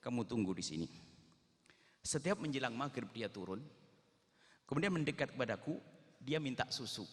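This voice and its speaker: A man's voice: mid-range voice, lively intonation, normal speed, pauses often, lightly acted. A man voicing a plain-spoken adult shepherd who explains things bluntly, as part of a story told in a sermon. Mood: calm instructing. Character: plain, matter-of-fact adult male shepherd. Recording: echoey hall reverb.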